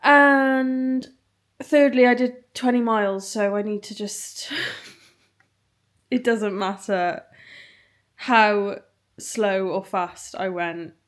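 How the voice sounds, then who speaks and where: A woman's voice: medium pitch, very slow, long pauses. A British woman chatting casually as a vlogger, sounding tired and rambling a little. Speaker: running vlogger. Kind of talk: casual chat to camera.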